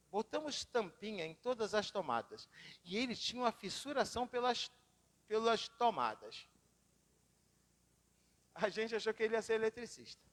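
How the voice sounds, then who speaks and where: A man's voice: high voice, a bit bright. A man preaching a sermon, telling personal stories with dramatic swings in his voice, recorded in a church hall. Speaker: pastor. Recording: long reverb of a church hall.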